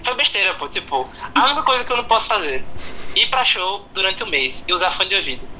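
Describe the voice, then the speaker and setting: A man's voice: high-pitched, big pitch swings, quick pace, sharp tone, rough recording. A man with a Brazilian Northeastern accent chatting casually, slangy and often repeating himself. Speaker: musical performer being chatted with. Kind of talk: casual chat. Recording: faint background noise.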